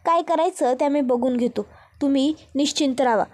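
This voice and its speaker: A woman voicing a calm man who reassures an anxious relative. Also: high voice, brisk, close to an everyday voice. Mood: reassuring.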